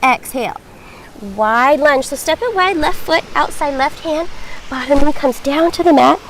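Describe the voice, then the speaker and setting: Female yoga teacher, high voice, guiding a class with reassuring, measured instruction over light background noise. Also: rough recording. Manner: encouraging, reassuring, measured cueing.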